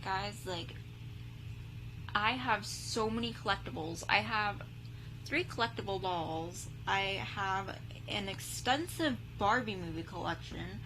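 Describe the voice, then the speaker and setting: This young woman's medium-pitched voice takes things slowly as she chats casually while reacting to a video for her vlog. She rambles and leans heavily on "like" and "um". There's a steady hum behind her.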